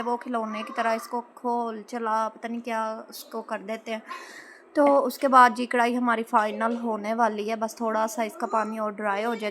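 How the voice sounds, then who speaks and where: A woman's voice: fairly high pitch, noisy background. A Pakistani woman with a Pakistani Urdu accent, chattily narrating her housewife vlog as a voice-over from a room at home. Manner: chatty, storytelling, frequent filler particles. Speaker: housewife vlogger. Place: indoor room, no fan running. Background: children playing and shouting.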